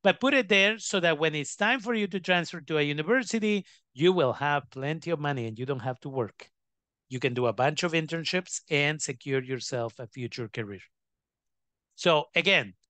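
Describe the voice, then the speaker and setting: Presenting scholarship advice to students, this male educator speaks emphatically and directly, peppering his talk with "right" and "okay." His pitch is fairly high, pushed and bright. The recording is clean with no echo.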